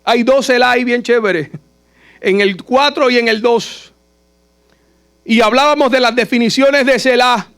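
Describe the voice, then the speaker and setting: A man's voice: very high-pitched, measured pace, long pauses, fairly bright tone, smooth. A man preaching at a Bible study, earnest and emphatic, repeating phrases to drive each point home. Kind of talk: sermon.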